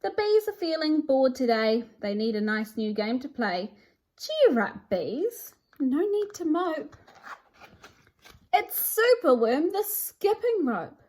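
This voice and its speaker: A woman whose voice sits high and a little mellow presents a children's picture book. She reads it aloud expressively, in a theatrical, sing-song rhyming delivery.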